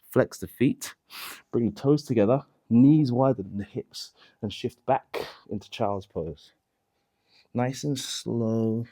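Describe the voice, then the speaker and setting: A man leading a mat Pilates workout, calmly cueing each movement and counting the reps, somewhat out of breath. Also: on the low side. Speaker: Pilates instructor. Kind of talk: guided workout instruction.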